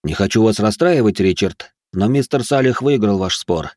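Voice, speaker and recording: A man voicing a polished, learned male noble sorcerer who speaks in a slow, lecturing way. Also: lowish voice, lively intonation, darkish tone, no room sound, clean studio sound. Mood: measured.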